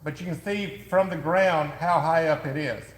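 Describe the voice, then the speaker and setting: A man co-hosting a live podcast from a warehouse, pitching his gear with eager, salesman-like energy, his voice going hoarse. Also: normal speed, reverberant, in a large hall, low-quality recording. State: losing his voice. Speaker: podcast co-host, business owner. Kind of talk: casual live podcast chat.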